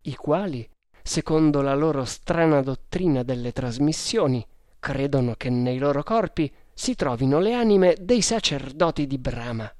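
A man reading an adventure story aloud in a measured, dramatic way. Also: medium pitch, expressive, darkish tone, no echo, studio quality. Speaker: narrator. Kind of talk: audiobook narration.

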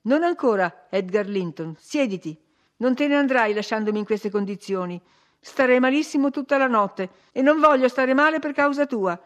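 This is a woman reader putting on a spoiled, tempestuous young woman in an audiobook. She speaks higher and louder than the narration, in shrill, tearful outbursts. Her lines come in insistent, emotional bursts. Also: lively intonation, normal speed, hardly any pauses, lightly acted. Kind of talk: audiobook character voice.

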